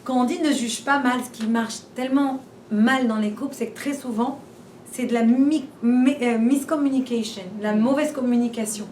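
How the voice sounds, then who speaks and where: A woman's voice: a little high, moderate pace, a little mellow. A woman giving an informal class, chatty and full of rhetorical questions, repeating and restarting as she talks. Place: room where she teaches a class. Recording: roomy and distant, faint background noise.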